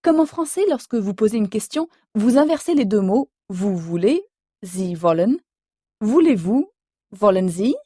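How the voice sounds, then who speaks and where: A woman teaching an audio language lesson, explaining slowly and clearly and spelling words out letter by letter. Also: medium pitch, expressive, warm tone, no echo, studio quality.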